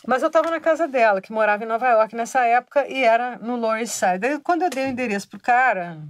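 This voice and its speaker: A Brazilian woman with a Brazilian Portuguese accent, a singer-songwriter guest telling a long story in a relaxed interview and chuckling mid-sentence. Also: on the high side, fast talker.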